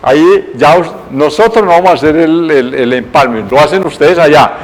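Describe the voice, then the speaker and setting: Un profesor con acento colombiano que da una clase televisada en tono coloquial, contando la historia de forma animada y corrigiéndose a sí mismo. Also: male voice, a little high, moderate pace. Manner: lively, colloquial, self-correcting storyteller. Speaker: teacher. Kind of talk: televised lecture, storytelling.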